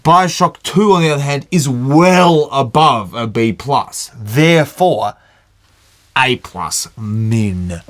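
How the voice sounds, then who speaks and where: A man's voice: fairly high pitch, measured pace, hardly any pauses. Boisterous mock-outraged man. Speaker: podcast co-host. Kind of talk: casual chat.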